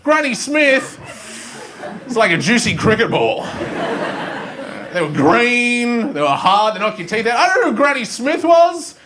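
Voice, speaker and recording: An Australian man performing a live stand-up routine in a school theatre, telling stories in an animated way and slipping into quick voices. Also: extremely high pitch, a little hiss or hum. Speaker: stand-up comedian. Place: school theatre before a live student audience.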